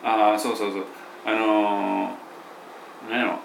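Man, English pronunciation teacher, casual audio diary, meandering with fillers, slightly low voice. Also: flat delivery, creaky, slight background noise. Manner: rambling, meandering, with many fillers and self-corrections; demonstrates English phrases slowly and deliberately.

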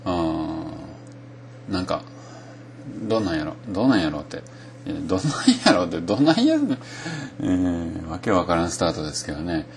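A man's voice: low voice, big pitch swings, a little fast, vocal fry, pauses often, slight background noise. A middle-aged man with a Kansai Japanese accent, giving a casual spoken lesson on English pronunciation and thinking aloud with many fillers.

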